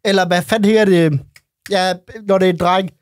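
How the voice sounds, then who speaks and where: A man's voice: sits high, fairly even intonation, no echo, clean studio sound. A man reacting to memes about himself in a casual, crude comedic rant, swearing and rambling as he jokes. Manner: swears a lot, rambling, joking.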